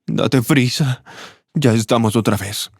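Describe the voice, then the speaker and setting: A man's voice: mid-range voice, takes it slowly, a little mellow, dry recording, studio quality. A man voicing a young woman in labor, making urgent, pained pleas in a storybook reading.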